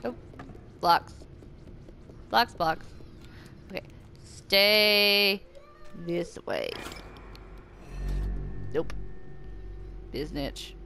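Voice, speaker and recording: A woman's voice: mid-range voice, expressive, drawn-out words, vocal fry, pauses often, pushed and bright, slight background noise. A young adult woman giving casual, self-mocking commentary while playing a game at home, swearing often and joking sarcastically. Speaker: gamer playing a horror game. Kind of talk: casual let's play commentary. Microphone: desk microphone.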